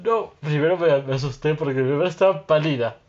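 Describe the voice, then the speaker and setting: A man's voice: on the high side, fairly quick, dull audio, slight background noise. A man, co-hosting a casual podcast, telling stories with lots of laughter and acted-out quotes. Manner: animated storyteller, laughs often, acts out quotes. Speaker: podcast co-host. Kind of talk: casual chat.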